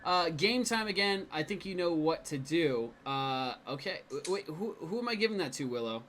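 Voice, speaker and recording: A man's voice: fairly high pitch, expressive, normal speed, a bit bright, slight background noise. A man chatting casually as the game master and host of a livestream.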